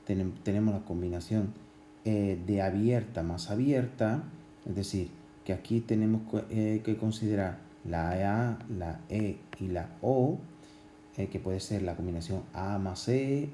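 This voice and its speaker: A man teaching grammar at a board, explaining slowly with many pauses, fillers and restarts. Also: fairly low pitch, dark tone, reverberant, slight background noise. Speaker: Spanish language teacher.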